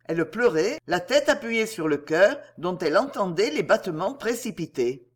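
An audiobook reader narrating a novel with an expressive delivery. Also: mid-range voice, normal speed. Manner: expressive, lively reading. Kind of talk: novel reading.

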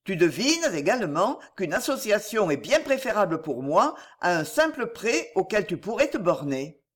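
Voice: mid-range voice, sing-song, normal speed. A reader voicing an earnest, struggling factory owner. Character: earnest factory owner near ruin, reserved. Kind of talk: audiobook reading.

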